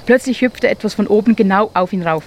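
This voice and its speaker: Ruhige Erzählerin mit Schweizer Akzent. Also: female voice, medium pitch, slight background noise. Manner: calm, inviting, measured. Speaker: storyteller. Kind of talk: reading a children's story aloud.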